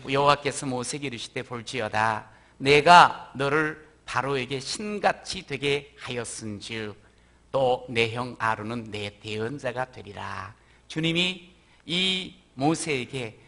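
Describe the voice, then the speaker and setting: A middle-aged male pastor preaching a sermon in a church, moving between soft, gentle passages and loud, emphatic peaks. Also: medium pitch, vocal fry. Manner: swings from soft, hushed voicing of God's gentle words to loud, emphatic preaching. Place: church sanctuary.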